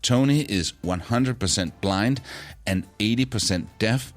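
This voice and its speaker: A man hosting the show, reading scripted links in a measured announcer manner. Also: on the low side, faint music behind. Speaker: show host. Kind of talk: scripted narration.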